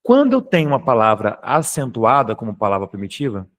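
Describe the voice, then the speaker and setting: A man with a Brazilian Portuguese accent teaches a grammar class online, his medium-pitched voice swooping wildly as he talks briskly. He explains step by step, keeps checking in with students using "tá?" and "beleza?", and stays informal, swearing now and then.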